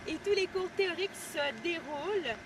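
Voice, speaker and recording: A woman with a Québécois French accent, chatting hesitantly as she gives a casual outdoor video-diary tour recorded on a camera mic. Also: very high voice. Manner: chatty and hesitant, with frequent pauses and light laughs. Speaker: student giving a video tour. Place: outdoors at a horse training center. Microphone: camera mic, filmed by someone behind the camera. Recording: loud outdoor background noise.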